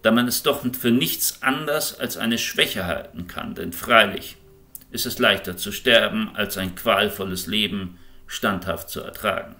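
A man's voice: fairly low pitch, a little slow, sharp tone. A man reading the lines of a sober, reasonable young man who argues in a firm, lecturing way.

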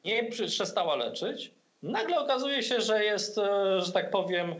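A man's voice: high voice, lively intonation, a little slow, fairly bright tone, dull audio. A man in his fifties with a Polish accent, a commentator guest speaking over a video call, hesitant with many fillers and restarts. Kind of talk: video-call political discussion. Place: room at home. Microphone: laptop webcam on video call.

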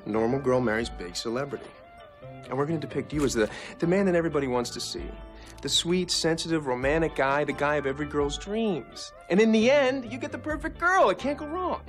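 A smooth talker selling a big idea, played by a man in film dialogue. His voice sits a little high and moves quickly, with soft music under it. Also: expressive, lightly acted. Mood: persuasive.

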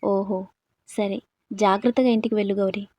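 A woman voicing a gentle worried young father. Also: sits high, fairly even intonation, normal speed, no room sound.

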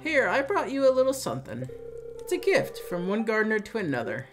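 A man's voice: sits high, wildly swooping pitch, brisk, fairly bright tone, faint music behind, pitched above the performer's own voice, full character voice. A man voicing a kindly, doting elderly grandmother in a video game playthrough, cooing and affectionate. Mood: sweet.

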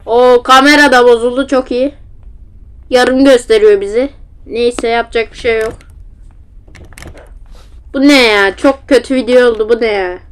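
A young-sounding woman with a slightly high voice chats through a horror game in a casual Turkish-accented ramble. She sounds flustered and pokes fun at herself while talking into a facecam mic at home. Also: moderate pace, pauses often, clear, resonant tone. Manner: chatty, self-mocking, easily flustered. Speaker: gamer playing a horror game. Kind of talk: casual gameplay commentary. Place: at home, seated. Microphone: facecam with built-in mic.

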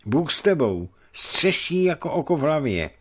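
A man's voice: a little high, sing-song, fairly bright tone, slightly rough, voice pushed up, exaggerated voice. A man voicing a tearful, fatherly old man who hands his only daughter to a young suitor, in a story reading. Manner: emotional, pleading.

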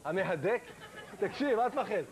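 Male comedian guest, high pitch, animated self-mocking storyteller, slight background hiss. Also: rough recording. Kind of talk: comic storytelling on a talk show.

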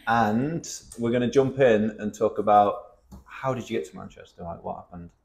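A podcast host from Cheshire with a North West English accent speaks at a moderate pace in a lowish, creaky, darkish voice, with slight background noise. He keeps the chat casual, full of teasing banter and lots of tag questions.

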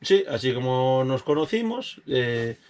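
A man telling his own life stories in casual chat, animated and acting out other people's voices. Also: medium pitch, a little slow, a little hiss or hum.

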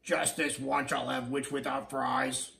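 A man voicing a mean, hungry dragon in measured rhyme while reading a picture book to a toddler. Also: mid-range voice, little pitch movement, gravelly, sharp tone, slight background noise, full character voice. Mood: menacing. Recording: echoey living room, distant mic.

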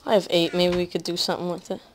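A woman with a lowish voice talks through her gameplay in a loose, rambling way. She leans on fillers and often lets her sentences drop off quietly. Faint game noise sits under her voice. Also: flat delivery, fast talker. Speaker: gaming commentator. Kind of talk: casual let's-play commentary.

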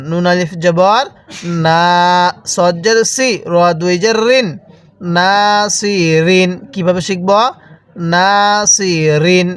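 A man's voice: sits high, dry recording. A man teaching Quran reading, spelling out letters and drawing out each sound for learners to repeat. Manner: slow drawn-out recitation of letters. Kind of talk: spelling lesson with call-and-repeat.

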